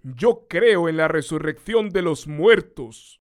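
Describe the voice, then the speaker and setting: A preacher speaking the lines of a grieving woman of faith in a solemn, measured way, close to his own voice. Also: on the high side, lively intonation. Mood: earnest.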